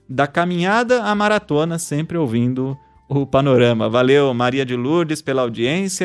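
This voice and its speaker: A man hosting a news podcast, reading stories and listener messages in a scripted style. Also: mid-range voice. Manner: reads listener messages aloud.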